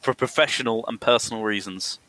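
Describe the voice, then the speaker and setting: A man hosting a podcast, relaxed and steering the casual chat. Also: medium pitch, brisk, no echo. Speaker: podcast host.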